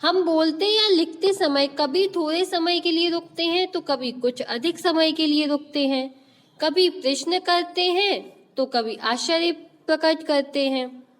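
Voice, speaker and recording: A woman's voice: very high voice, a little slow, in a large hall. A woman teacher, teaching an online class and quizzing children with repeated questions as she explains. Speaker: school teacher.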